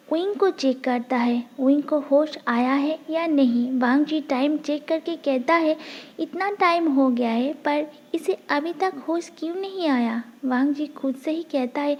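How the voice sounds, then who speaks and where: High-voiced woman narrating a romance story. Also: lo-fi sound.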